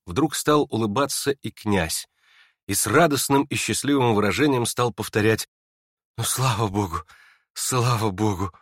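A man narrating a classic novel aloud in a measured, expressive reading voice. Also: medium pitch, no room sound, studio quality. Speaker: audiobook narrator.

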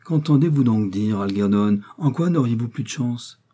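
A man reading a courteous, reassuring gentleman. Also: medium pitch, animated, moderate pace, breathy edge. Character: courteous wealthy older gentleman, calm and reassuring.

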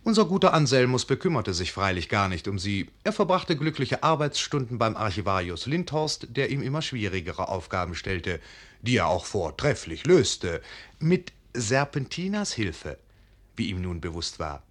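An actor as the wry literary narrator of a radio play, telling it vividly with measured emphasis. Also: male voice, lowish voice, big pitch swings, fairly bright tone. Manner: measured emphasis, addresses the listener. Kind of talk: dramatic storybook narration.

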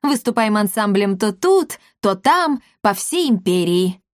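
A woman's voice: sing-song, a little slow, no room sound, studio quality. A woman voicing a nervous, cowardly young man who yelps and talks back. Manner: shrill, nervous. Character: jittery young man, cowardly but cheeky.

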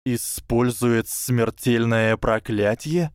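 A man voicing a clever, wary young male wizard who speaks in a flat, guarded hiss. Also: mid-range voice, takes it slowly, dry recording, clean studio sound, voice pushed up, lightly acted.

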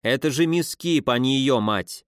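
A cruel, tipsy old woman, as a male reader plays her, who sneers and scolds with theatrical relish. Her voice sits at a middling pitch and sounds dry and close, with no room around it. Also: a little slow, smooth, dry recording, close to an everyday voice. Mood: mocking.

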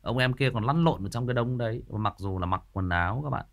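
Animated man telling a story. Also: medium pitch, fast talker, creaky. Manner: animated, rambling, with repeated words and asides to listeners. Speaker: storyteller host. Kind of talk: casual spoken storytelling to a live audience.

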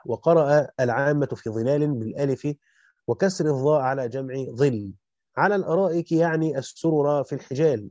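A man reading a classical Quran commentary aloud at a rapid, even pace, correcting himself quickly now and then. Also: on the high side, no echo. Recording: dull lo-fi dry recording.

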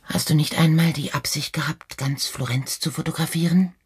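A man voicing an eager, doting young man who speaks raised and quickly, in a radio reading. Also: fairly high pitch, steady tone, slightly rough, pitched above the performer's own voice. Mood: agitated. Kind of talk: audiobook reading.

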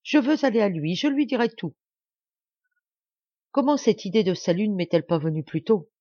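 A woman's voice: mid-range voice, animated, drawn-out words, mellow, no echo, dull audio, pitched above the performer's own voice. A woman reader voicing a desperate, resolute middle-aged noblewoman who gives impassioned orders. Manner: impassioned, commanding exclamations.

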